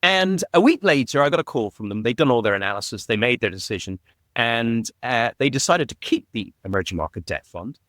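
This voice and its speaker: A man who is a podcast guest, telling a story in an animated, heartfelt way. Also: mid-range voice, brisk, no room sound, studio quality. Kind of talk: conversational interview.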